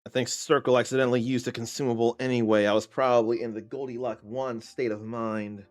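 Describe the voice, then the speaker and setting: A man's voice: medium pitch, level tone, a little fast. A man casually commenting while playing a video game, laid-back and muttering asides. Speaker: gaming streamer. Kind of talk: casual let's-play commentary.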